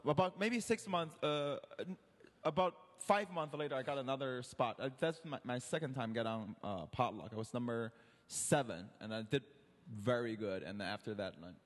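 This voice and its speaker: Halting young man in a reverberant room. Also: mid-range voice, lively intonation. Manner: halting, repeats words, swears casually. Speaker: podcast co-host, comedian. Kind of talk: casual storytelling. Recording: long hall reverb.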